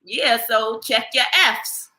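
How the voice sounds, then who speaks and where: Bright, high-voiced woman urging on listeners. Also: takes it slowly. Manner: energetic, encouraging, preacher-like urging. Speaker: podcast co-host. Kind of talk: casual motivational chat.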